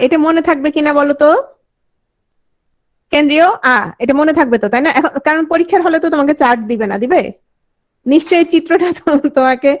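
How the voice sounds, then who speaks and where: A woman teaching a class, sounding out vowels and quizzing her students. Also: sits high. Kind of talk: online class lecture.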